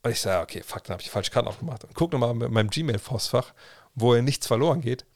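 Man, casual livestream storytelling, slangy chatter, gravelly voice, dry close sound. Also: mid-range voice, fast, no room sound. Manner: chatty, slangy, restarts and quoted self-talk. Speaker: livestream host.

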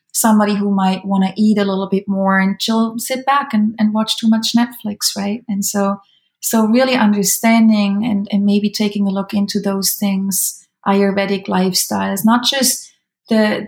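Her voice is medium-pitched as this thirtysomething woman from Switzerland, speaking with a Swiss German accent, talks through ideas conversationally, occasionally hunting for the right word.

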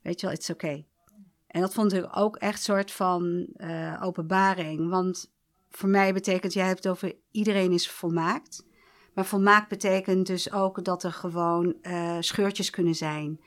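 A woman's voice: lowish voice, fairly even intonation, measured pace. Affirming woman podcast host. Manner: affirming, frequent agreeing interjections. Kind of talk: conversational interview.

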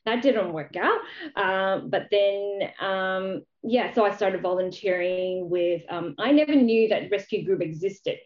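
With a measured pace and a darkish, medium-pitched voice, a Malaysian woman explains her experience casually while being interviewed, peppering her speech with "you know." She is the founder of a charity. The recording comes across as dull, roomy and echoey.

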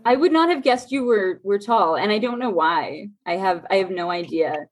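A woman's voice: medium pitch, expressive, moderate pace. A woman podcast host chatting casually in a jokey, rambling way. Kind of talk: casual chat.

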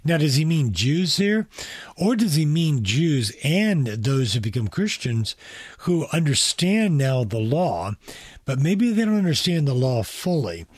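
Measured male Bible study co-host with a husky voice and a dry sound. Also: fairly high pitch, big pitch swings, dry recording. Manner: measured, thoughtful, with small restarts. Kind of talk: conversational Bible study teaching.

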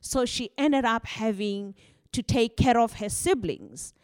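A woman on a panel, answering interview questions in a measured, reflective storytelling way. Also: a little high, animated, darkish tone, no room sound, studio quality. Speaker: panel guest.

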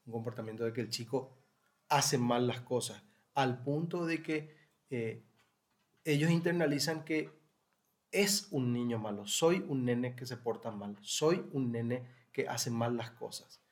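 A man's voice: mid-range voice, a little slow. Man co-host explaining parenting tips. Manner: explanatory, leans on tag questions and fillers. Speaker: co-host of a parenting talk show. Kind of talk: conversational advice talk.

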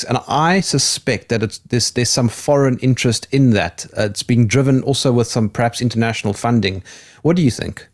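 Man hosting, mid-pitched voice. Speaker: podcast host. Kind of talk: conversational interviewing.

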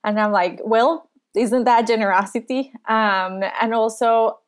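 A woman from Costa Rica joins a podcast over a video call as a guest in a conversational interview. Her voice is smooth and fairly high, and she comes across as earnest and thoughtful, pausing often.

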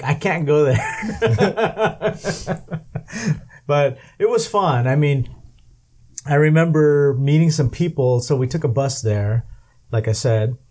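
A man's voice: medium pitch, mellow. A man hosting a casual chat, asking questions and telling rambling stories, laughing often. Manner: laid-back, rambling storyteller who laughs often. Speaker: host.

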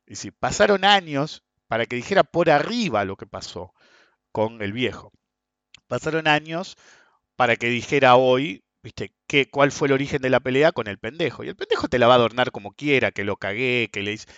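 Animated Rioplatense man telling trading stories. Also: mid-range voice, vocal fry, no echo. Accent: Rioplatense Spanish. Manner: lively storytelling, frequent "ok?" tags. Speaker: trading educator. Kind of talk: casual monologue to viewers. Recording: dull, dry lo-fi sound.

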